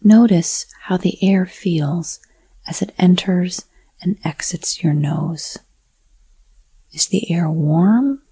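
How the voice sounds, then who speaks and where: A woman whispering a slow, soothing guided breathing meditation. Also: lowish voice, dark tone, breathy edge, no echo.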